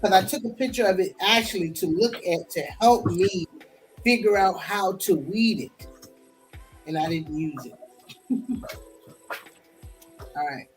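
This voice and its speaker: A woman's voice: mid-range voice, measured pace, pauses often, faint music behind, rough recording. A woman hosting a crafting livestream, chatting casually and talking to her viewers as she works. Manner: relaxed, chatty, talks to viewers. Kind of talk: casual chat while crafting.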